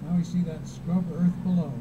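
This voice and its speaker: A man's voice: high-pitched, little pitch movement, normal speed. A man giving live event commentary on a broadcast, replayed through computer speakers. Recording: muffled, noisy re-recording off computer speakers.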